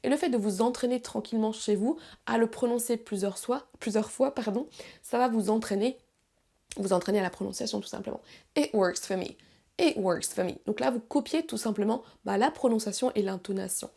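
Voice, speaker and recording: Woman, online English teacher, slightly high voice, gravelly, patient explanations. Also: dark tone. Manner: explanatory, repeats English phrases slowly. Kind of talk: online language lesson.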